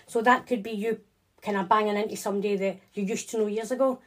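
A woman's voice: mid-range voice, steady tone, quick pace. A woman with a Scottish accent, a psychic medium talking casually and reassuringly as an interview guest. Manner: chatty, reassuring, with frequent restarts.

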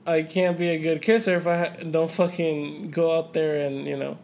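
A young man with a fairly high voice, talking casually among friends. His speech is informal and slangy, peppered with swearing, like a co-host on a loose podcast. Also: flat delivery, normal speed, creaky, a little mellow. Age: young adult. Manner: profane, informal slangy talk.

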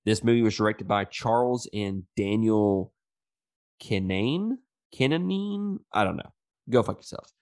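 A man's voice: fairly low pitch, animated, measured pace, a little mellow, no room sound, clean studio sound. A man hosting a movie review podcast in casual, profane slang, with a stuffed-up, pinched-nose nasal sound from a sinus infection. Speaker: podcast host.

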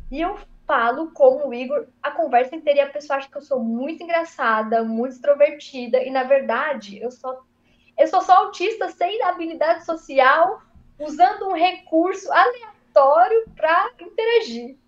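A Brazilian woman, a guest on a podcast, chatting casually as a lively, expressive comic storyteller. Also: sits high, moderate pace, lo-fi sound. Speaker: podcast guest, activist and speaker.

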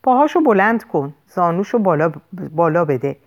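A woman voicing a firm, steady female paramedic giving urgent orders, in an audiobook. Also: on the low side, lo-fi sound.

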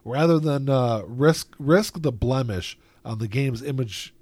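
A man's voice: medium pitch, a little slow, a little mellow, dry recording. Rambling man, dry close sound. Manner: rambling, many filler words. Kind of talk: casual chat.

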